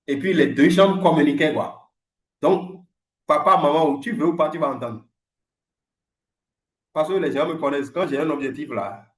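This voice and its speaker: Man in his 40s, animated and emphatic language teacher, slightly high voice, roomy echo. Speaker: English teacher. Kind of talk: lively storytelling lesson.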